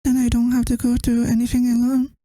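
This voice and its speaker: A woman's voice: a little high, completely flat delivery, a little fast, no echo, close to an everyday voice. A woman playing a tired, affectionate girlfriend who misses her partner, in a tender, intimate ASMR role-play. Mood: tender, longing. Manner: tender, intimate, soft-spoken.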